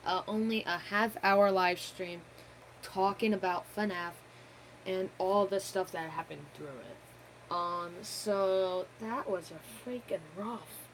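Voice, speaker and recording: A woman's voice: mid-range voice, slight background noise, poor audio. A woman hosting a gaming channel, giving an unscripted live-stream game theory talk, rambling with many fillers and self-corrections.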